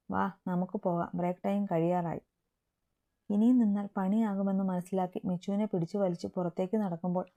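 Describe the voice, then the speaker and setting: A woman from Kerala with a Malayali accent, reading a romance story aloud in an even, gentle manner and voicing every figure herself. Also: medium pitch. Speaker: story narrator.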